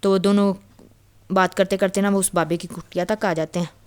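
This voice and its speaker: A woman's voice: medium pitch, steady tone, clean tone. A woman casually retelling a novel as a storyteller, chatty and loose, with frequent fillers and restarts.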